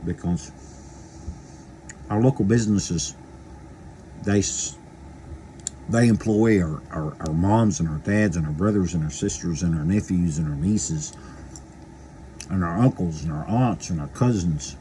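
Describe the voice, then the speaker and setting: A man's voice: sits low, a little slow, pauses often, dark tone, slight background noise. A man, chatting casually as a local video host, rambling and folksy with lots of repeated phrases. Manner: eating while talking. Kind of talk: casual chat to camera.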